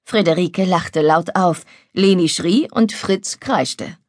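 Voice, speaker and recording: A woman reading a novel as audiobook narrator in a calm, measured way. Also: lowish voice, dry recording. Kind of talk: scripted narration. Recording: dry studio recording.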